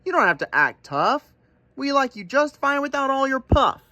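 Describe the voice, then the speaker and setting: A man voicing a male ram in a rhyming storybook, exclaiming in a high voice. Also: big pitch swings, normal speed, pushed and bright, no echo, full character voice. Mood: kind. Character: kindly male ram, loud and warm.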